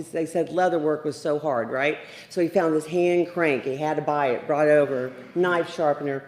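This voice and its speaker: Middle-aged lady doing a eulogy, acts out the quotes, echoey hall, faint hum behind. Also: low-pitched. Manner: lively storyteller, acts out quotes. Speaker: eulogy speaker. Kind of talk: memorial eulogy with anecdotes. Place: memorial service room. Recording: echoey livestreamed room.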